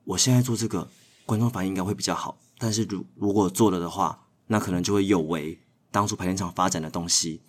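Low-pitched man with a Taiwanese Mandarin accent. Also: steady tone, fast talker. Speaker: theatre performer, podcast guest. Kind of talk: casual conversational chat.

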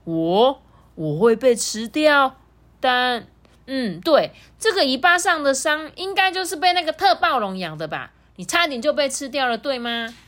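A cheerful, naive baby triceratops with a high, childlike, sing-song voice, as a woman puts it on while reading a storybook aloud. She speaks with a Taiwanese Mandarin accent and a bright, chirpy lilt. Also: animated, unhurried.

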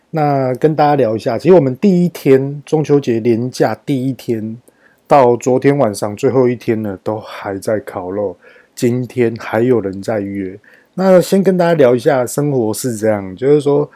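A man's voice: mid-range voice, mellow, dry recording. A married man hosting a podcast, telling a self-mocking story in a chatty way. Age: adult, married. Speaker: podcast host. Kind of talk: casual storytelling monologue.

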